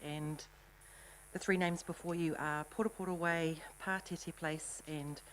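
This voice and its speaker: A woman's voice: fairly low pitch, fairly even intonation, a little slow, a little hiss or hum, poor audio. Breathless New Zealand woman presenting. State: slightly out of breath. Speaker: council staff presenter. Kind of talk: meeting presentation.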